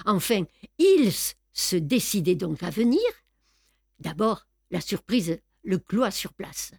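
A woman narrating an audiobook in a measured, expressive storytelling manner. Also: mid-range voice, gravelly, husky, no room sound, clean studio sound.

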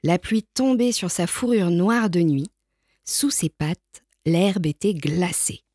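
A woman reading a children's picture book aloud in a gentle, expressive way. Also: fairly low pitch, breathy edge, dry recording, clean studio sound. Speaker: storyteller. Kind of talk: children's storybook read-aloud.

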